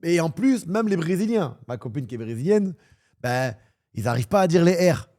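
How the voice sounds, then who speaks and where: A man chatting off the cuff on his livestream, in a mellow, warm-toned voice. He rambles from topic to topic, swears crudely and livens up when he jokes. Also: fairly high pitch, sing-song, moderate pace. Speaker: streamer and football pundit. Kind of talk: casual livestream chat.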